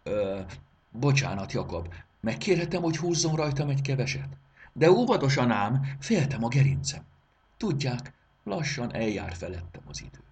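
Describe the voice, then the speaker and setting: A man voicing a courteous, fretful old female pocket watch in a storybook reading, with a very husky voice. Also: mid-range voice, sing-song, darkish tone, pitched above the performer's own voice, full character voice. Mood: polite. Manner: courteous and apologetic, fussy about her springs.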